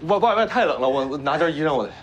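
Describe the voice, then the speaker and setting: A man's voice: fairly high pitch, lively intonation, racing, dull audio, over a noisy crowd, close to an everyday voice. An actor playing a flustered, evasive young village man with a Northeastern accent who stammers and defends himself. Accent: Northeastern Chinese. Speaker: son Bingkun. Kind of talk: TV drama acting.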